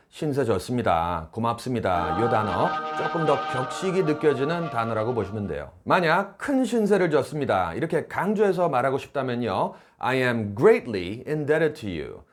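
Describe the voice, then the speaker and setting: A man teaching English phrases on video, saying each phrase slowly and clearly as he explains it. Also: mid-range voice. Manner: lively, drawn-out demonstration of each phrase.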